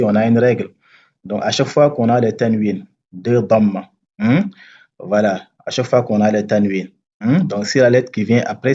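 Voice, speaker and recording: A man teaching Quran recitation rules step by step, patiently checking that learners follow and chanting the verses slowly. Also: lowish voice, a little mellow, dull audio, a little hiss or hum. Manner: patient, repeats and checks understanding; slow drawn-out recitation of verses. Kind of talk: step-by-step tajweed lesson.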